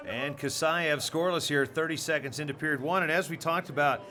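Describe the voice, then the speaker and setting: A man calling a wrestling match play-by-play in a brisk broadcast delivery. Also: a little high, bright, forceful tone, slight background noise. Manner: brisk broadcast delivery, reads sponsor lists. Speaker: play-by-play commentator. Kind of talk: sports commentary.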